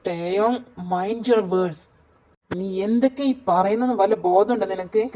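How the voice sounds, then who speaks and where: Fan audio drama: woman as a remorseful young man, soft and coaxing. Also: medium pitch, measured pace, natural voice, low-quality recording. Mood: stern.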